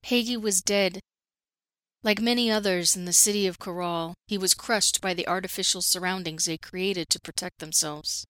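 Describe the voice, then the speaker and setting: A woman narrating a first-person fantasy story at a steady, measured pace. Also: on the low side, no echo.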